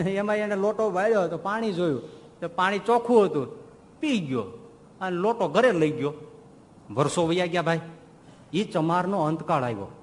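Animated man preaching. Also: sits high, normal speed, long pauses. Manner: folksy, animated storytelling. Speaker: monk preacher. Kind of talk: sermon storytelling. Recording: long hall reverb.

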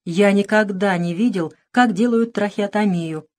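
A woman reading a literary audiobook with measured, expressive narration. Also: medium pitch. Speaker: audiobook reader.

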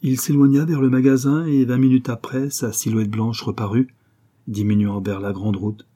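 A man reading a novel aloud in a measured, dramatic narrating voice. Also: medium pitch, flat delivery, dark tone. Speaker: audiobook narrator. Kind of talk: literary audiobook narration.

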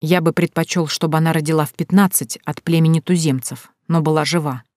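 Woman reading a calm blunt guarded man. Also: low voice, fairly quick, no echo, clean studio sound, natural voice. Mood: restrained.

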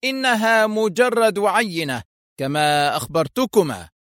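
A man's voice: sits high, measured pace, a bit bright, no room sound, clean studio sound, voice pushed up. A man voicing a mocking, stern male intelligence chief in an audio story, with a noticeably raised voice. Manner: sarcastic, stern.

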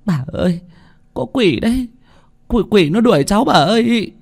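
A man's voice: high voice, animated, moderate pace, creaky, a little mellow, voice pushed up, full character voice. A man voicing a frightened young servant girl who stammers in a spoken horror story. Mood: terrified.

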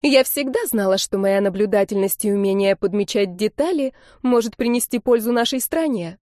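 A woman reader voicing a pompous, self-important older woman witness with a shrill, haughty manner in an audiobook. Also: moderate pace, warm tone, dry recording, clean studio sound, lightly acted. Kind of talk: audiobook character voice.

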